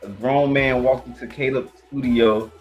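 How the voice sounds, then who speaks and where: A man's voice: medium pitch, fairly even intonation, normal speed, muffled recording, soft background music. A man hosting his own reaction channel, talking in loose slang with a stammering, repetitive delivery. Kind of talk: casual reaction commentary.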